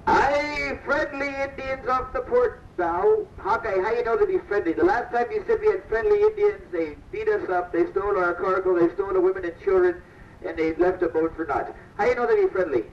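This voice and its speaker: A man's voice: high voice, very animated, brisk, gravelly, slight background noise. A man working as a ship captain, giving a comedic live tour spiel with pirate-style "aye" interjections over a PA microphone aboard a sailing ship attraction. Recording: distant roomy lo-fi PA recording.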